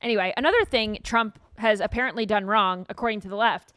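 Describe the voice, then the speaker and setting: A woman's voice: mid-range voice, fast, sharp tone, clear, resonant tone, no echo, clean studio sound. A woman hosting a commentary show, talking in a dismissive, emphatic way. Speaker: show host. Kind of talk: opinionated commentary.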